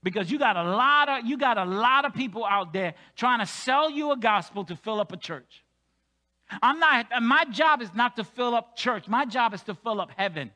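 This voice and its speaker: Man preaching in church, high voice, bright, animated, loud then quiet, joking asides. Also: moderate pace. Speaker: senior pastor. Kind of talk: sermon.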